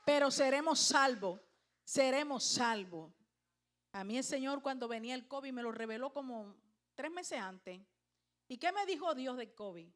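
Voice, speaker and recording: A high-pitched woman pastor preaches with emphatic force. She keeps tossing questions out to the congregation and drives each point home. She sounds middle-aged. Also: animated, normal speed. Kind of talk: sermon.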